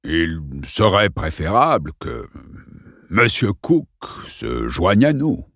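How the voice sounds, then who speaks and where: Un homme qui lit un livre audio et campe un directeur d'école pompeux, à la voix sépulcrale, qui parle avec solennité en hésitant. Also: male voice, low voice, huge pitch swings, slow, gravelly, a bit bright, dry recording, studio quality, heavily acted. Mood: solennel.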